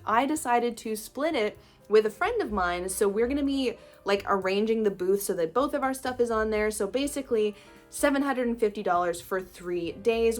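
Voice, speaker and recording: Chatty woman vlogging to camera. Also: medium pitch. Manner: chatty, laughs often, thinking aloud. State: groggy morning voice. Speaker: self-employed illustrator. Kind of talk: casual vlog talk to camera.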